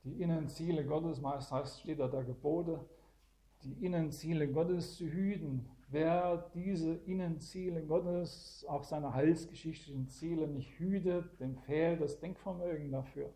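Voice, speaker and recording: A man's voice: a little high, a little slow, dark tone. A man teaching the Bible to a small group, explaining verses one by one and often adding "gell?" to check that listeners follow. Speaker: preacher.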